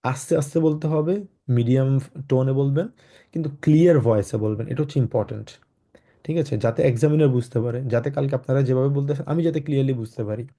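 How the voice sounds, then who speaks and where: A man in his 20s from Bangladesh teaches a German class online, speaking loosely with lots of fillers and offering slow, clearly spaced model sentences. His voice is medium-pitched and warm.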